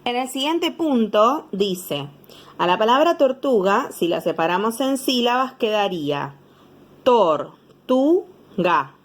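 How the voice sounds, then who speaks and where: Slow, patient woman teacher with a lively voice. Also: on the high side. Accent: Rioplatense Spanish. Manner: slow, patient, sounding out syllables with frequent checks. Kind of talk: explaining homework to young pupils.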